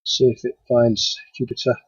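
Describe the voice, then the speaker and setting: A man, an amateur astronomer, gives a live how-to commentary outdoors, thinking aloud as he works, his voice thin and tinny with no bass. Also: little pitch movement, normal speed, breathy edge, dry recording. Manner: thinking aloud while working. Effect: thin tinny sound with no bass. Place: outdoors at night. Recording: dull lo-fi outdoor recording.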